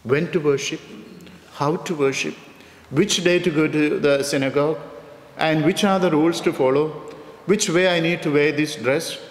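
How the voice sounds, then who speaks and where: A man giving a homily as parish priest, measured and calling his listeners "my dear friends". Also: a little high, fairly even intonation. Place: church. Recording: echoey church with long reverb.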